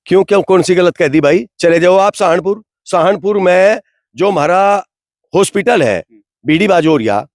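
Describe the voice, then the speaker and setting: A man's voice: sits high, lively intonation, moderate pace, a little mellow, no room sound, clean studio sound. A man, giving an impassioned, indignant street interview full of rhetorical questions. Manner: rhetorical, indignant, repeats "bhai". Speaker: interviewee from the community.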